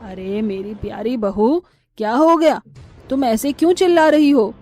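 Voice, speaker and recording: A woman's voice: measured pace, mellow, faint music behind, natural voice. Woman voicing a nagging older mother-in-law. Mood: fussing. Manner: shrill, nagging scolding. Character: spiteful older mother-in-law, harsh and scolding. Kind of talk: storybook voice acting.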